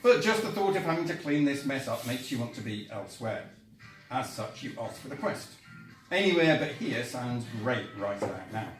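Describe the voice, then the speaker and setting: A man's voice: mid-range voice, very animated, normal speed. A man reading a choose-your-own-adventure story aloud with playful emphasis, recorded from a distance in a roomy space with faint music. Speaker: volunteer reader.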